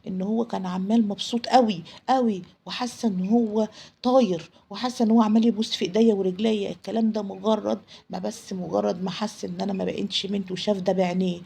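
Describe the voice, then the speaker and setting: A woman's voice: medium pitch, fairly even intonation, fast, vocal fry, dark tone, husky. A young Egyptian woman telling a dramatic first-person story in an emotional, confessional way. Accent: Egyptian Arabic. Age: young adult.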